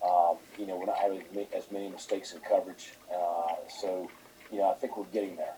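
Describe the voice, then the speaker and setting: A man, a football head coach, answering questions at a press conference in a halting way, with many fillers. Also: low-pitched, level tone, dark tone, a little hiss or hum, rough recording.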